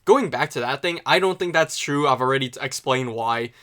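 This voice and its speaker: A man's voice: mid-range voice, fairly quick, bright, forceful tone. A young man giving a casual, rambling opinion monologue as a YouTube commentator, sarcastic and self-mocking.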